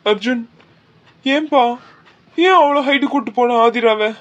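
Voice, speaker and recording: A man's voice: very high voice, a little slow, fairly bright tone, highs cut off. A man voicing an elderly father in a cartoon, speaking in a soothing, fatherly way. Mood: reproachful. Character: elderly father, gentle and reassuring. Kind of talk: cartoon dubbing.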